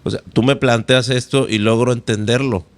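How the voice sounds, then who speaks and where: A man's voice: mid-range voice, fairly even intonation, normal speed. A man hosting a casual podcast interview, telling rambling anecdotes and tagging his sentences with little questions. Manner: chatty, rambling anecdotes with frequent tag questions. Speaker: podcast host.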